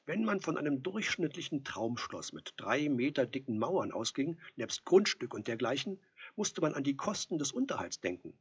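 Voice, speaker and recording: A man narrating an audiobook in an expressive, lively storytelling manner. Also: mid-range voice, moderate pace, slightly rough. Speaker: audiobook reader. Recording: dull lo-fi recording.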